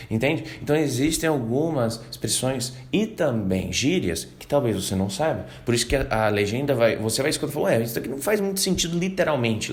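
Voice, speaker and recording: A male English teacher with a Brazilian Portuguese accent gives a casual, lively video lesson on learning English. At medium pitch, he acts out learners' reactions and reads English lines slowly.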